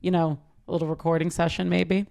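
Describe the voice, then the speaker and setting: A woman co-hosting a casual chat podcast, agreeable and quick to chime in. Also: lowish voice, flat delivery, creaky, a little mellow. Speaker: podcast co-host.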